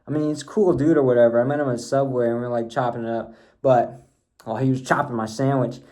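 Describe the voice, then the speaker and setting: A man's voice: mid-range voice, steady tone, fast talker, dark tone. A young man talking to his camera at home in a loose, rambling, slangy way, swearing casually as he tells his story. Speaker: vlogger. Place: at home, bathroom nearby.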